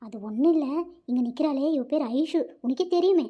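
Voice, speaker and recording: In cartoon voice acting, a performer plays a domineering, money-minded middle-aged mother who scolds her son in a bossy, colloquial way. The voice sits high and close to an everyday voice, a little fast, and the audio sounds dull.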